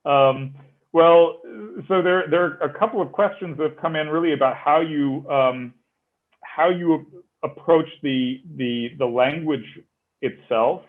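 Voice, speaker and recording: A man's voice: a little high, measured pace. Rambling male interviewer on a tinny line. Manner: rambling, repeating words while forming questions. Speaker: interviewer, moderator. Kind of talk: conversational interview.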